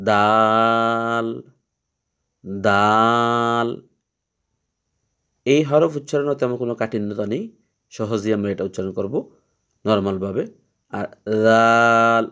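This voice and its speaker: A man teaching Quran reading, explaining each letter patiently and repeating its sound slowly three times. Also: medium pitch, a little mellow. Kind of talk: step-by-step letter lesson.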